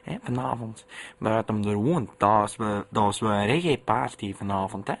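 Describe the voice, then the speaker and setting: Gruff rambling Flemish radio host. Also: male voice, fairly low pitch, moderate pace. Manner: repetitive, tacks "hè" onto lines, gruff dialect. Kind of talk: rambling comic radio monologue.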